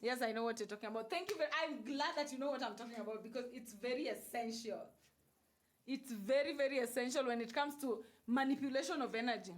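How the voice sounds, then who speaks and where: Talking fast in a voice on the high side, this livestream host from Kenya speaks in a Kenyan accent about energy in a casual spiritual chat with her viewers. She is emphatic and repetitive, returning to key phrases and mixing in bits of Swahili and Luo.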